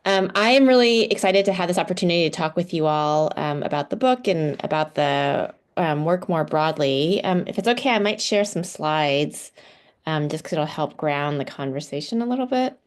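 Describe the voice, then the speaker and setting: A woman's voice: deep voice, expressive, moderate pace, smooth. A woman from the United States, a political science professor, giving a conversational, thoughtful online lecture over a video call. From United States (Houston, Texas).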